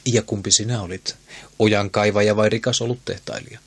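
A man's voice: on the low side, steady tone, husky, no echo. A man voicing a proud, passionate queen in an audiobook, speaking in a commanding, intense way.

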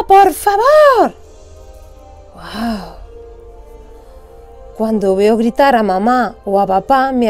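A woman reads a children's storybook aloud. Her reading is expressive and sing-song, her pitch swoops up and down, and she sits fairly high for a woman. Soft music plays faintly beneath her.

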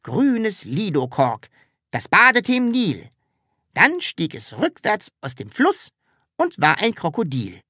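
A woman voicing a cheeky, stubborn, childlike magical creature in an audiobook, with a high, bright voice and an insistent, excitable way of talking. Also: dry recording, clean studio sound, heavily acted. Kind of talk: audiobook character reading.

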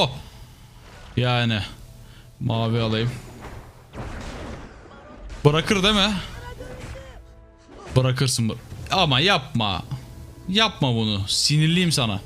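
A man's voice: on the high side, slow, pauses often, faint music behind. A young man giving casual live commentary over his own gameplay, muttering to himself one moment and yelping the next. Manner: excitable, swings between mutters and yelps. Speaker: gaming YouTuber.

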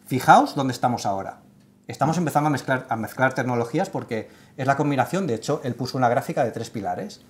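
A man's voice: mid-range voice, expressive, fast. A man in his thirties in a casual studio panel chat, talking emphatically with many fillers and restarts. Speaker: tech site writer leading the segment. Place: studio set with sofa.

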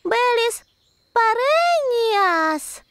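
A woman voicing a sweet little fairy princess girl with a drawn-out childlike delivery in a children's cartoon. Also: very high voice, big pitch swings, a bit bright, heavily acted. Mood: bored.

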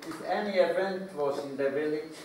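A man's voice: fairly high pitch, darkish tone, far from the mic, slight background noise. Older man lecturing in an echoey hall. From Slovakia. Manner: halting, many filler pauses. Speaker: guest speaker. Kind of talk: public lecture. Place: school hall. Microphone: stand mic, recorded from far camera.

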